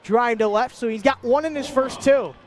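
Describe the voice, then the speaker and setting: A man calling a celebrity softball game and home run derby live as play-by-play announcer, with lively calls and chatty asides. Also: very high-pitched, moderate pace, slight background noise. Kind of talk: live sports commentary.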